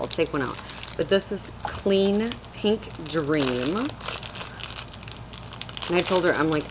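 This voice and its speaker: In her twenties and low-voiced, this vlogger talks through a product haul into a desk webcam in a small room at home, with hiss in the background. She's chatty and rambly, using plenty of fillers.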